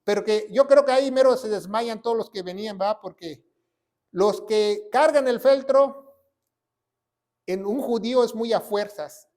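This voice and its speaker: A man preaching a sermon as pastor, punctuating his points with rhetorical questions and sudden loud emphasis. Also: high voice, unhurried.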